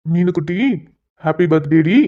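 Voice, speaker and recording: A woman's voice: low voice, flat delivery, moderate pace, natural voice. Woman voicing a shy, tender young husband. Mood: teasing. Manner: soft, apologetic then playfully teasing. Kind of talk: cartoon dialogue voice acting. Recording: dull lo-fi recording.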